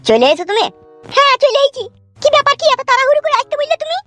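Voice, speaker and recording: A woman's voice: very high voice, sing-song, rapid-fire, pushed and bright, no echo, faint music behind, voice pushed up, full character voice. A woman voicing a young wife who keeps pressing her husband with questions, in a comedy cartoon. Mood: impatient. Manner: pestering, insistent questions. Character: pushy young village wife.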